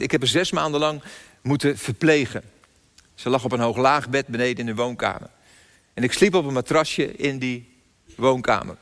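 A man's voice: mid-range voice, fairly bright tone. Older male preacher in a reverberant hall. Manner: storytelling, emphatic, with pauses and repetition. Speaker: pastor. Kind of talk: sermon with personal story. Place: church hall.

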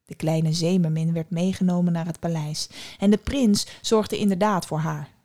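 A woman telling a fairy tale in a calm, measured way. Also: on the low side. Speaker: storyteller.

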